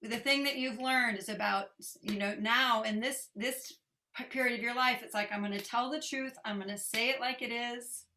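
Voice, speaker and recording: A woman's voice: fairly high pitch, steady tone, normal speed, bright, forceful tone, a little hiss or hum. A woman hosting a conversational interview, attentive and affirming as she responds to her guest. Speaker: interview host.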